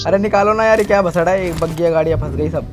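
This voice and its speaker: Fast-talking, high-voiced teasing man gamer. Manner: cheeky, teasing, flirty banter. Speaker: gamer streamer. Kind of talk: playful teasing game chat. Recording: game music behind voice. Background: game music and vehicle sounds.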